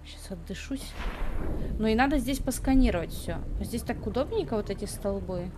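A woman's voice: a little high, expressive, fairly quick, noisy background. A young adult woman giving casual, playful live gaming commentary, half talking to herself and repeating words. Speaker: game streamer. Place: indoor room at a computer.

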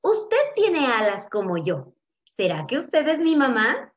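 A woman's voice: high-pitched, huge pitch swings, takes it slowly, muffled recording, heavily acted. A woman voicing a tiny, lonely boy chick searching for a mother, with an eager, pleading manner.

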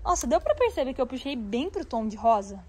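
A woman's voice: a little high, fairly quick, a little hiss or hum. A woman with a Brazilian Portuguese accent chatting to viewers in a shopping vlog as she browses a stationery store. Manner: animated, talks to viewers while browsing.

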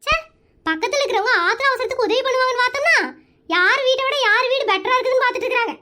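A woman voicing a dramatic young village wife in a cartoon, quick-tongued and argumentative. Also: bright, forceful tone. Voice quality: very high squeaky cartoon voice. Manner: wailing, fast, argumentative.

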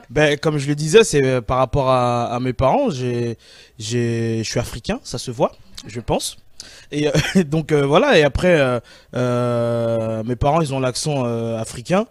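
A comedian talking casually about where his sketches come from, often pausing and searching for words. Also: mid-range voice, lively intonation, no echo. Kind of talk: casual interview.

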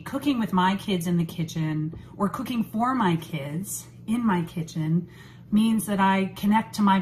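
A woman in her thirties hosting a home vlog, talking to camera in a relaxed, chatty way with lots of "you know" fillers, recorded in her kitchen on a phone or webcam at arm's length. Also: fairly low pitch, slight background noise, rough recording. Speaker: host. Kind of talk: casual talk to camera.

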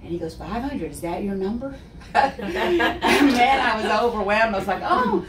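Speaking unhurriedly in a fairly high voice over a loud crowd, a woman in her sixties from Texas, with a heavy accent, delivers a lively testimony of faith as a guest speaker. She gestures constantly and laughs often; the setting is a wood-panelled office set with armchairs, recorded roomy and distant with faint hiss.

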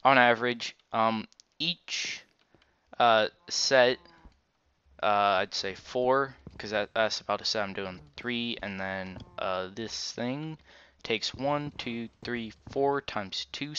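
A man with a low, clean voice gives casual Let's Play commentary with a retainer in his mouth. He rambles slowly and corrects himself as he goes. The recording is slightly dull and lo-fi. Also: pushed and bright, smooth, no room sound. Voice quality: slight retainer-affected speech. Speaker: gaming video host. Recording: dull, lo-fi microphone.

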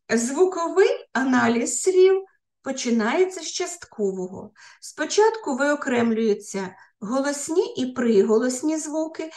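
A woman, an education researcher, lecturing teachers, pausing often on filler sounds and restarting words. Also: high voice, a little mellow. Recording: roomy echo.

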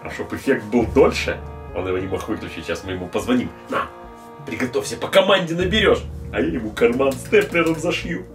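Echoey, animated cheeky schoolboy prankster played by a man. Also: medium pitch, fairly quick, lightly acted. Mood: sly scheming. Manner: slangy, theatrical. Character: cheeky lazy class-clown schoolboy prankster, playfully whining. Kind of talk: comedy sketch acting. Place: small classroom-like room indoors, camera a few meters away. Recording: echoey room, distant mic, background music.

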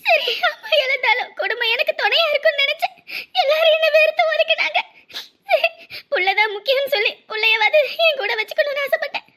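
A woman's voice: very high-pitched, a little fast, pushed and bright. A woman voicing a grieving young wife who pleads through tears in a cartoon drama. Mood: weeping. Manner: sobbing, pleading.

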